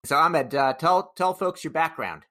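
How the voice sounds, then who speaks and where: A podcast host with a slightly high, expressive, pushed and bright voice reads a scripted intro for his business show, then conducts a casual interview at a measured pace. He's friendly and joking, with some restarts.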